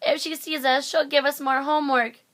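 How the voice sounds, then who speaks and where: A woman voicing excitable young schoolchildren from a storybook, exclaiming eagerly. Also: sits high, moderate pace, voice pushed up. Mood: worried. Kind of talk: storybook character voice.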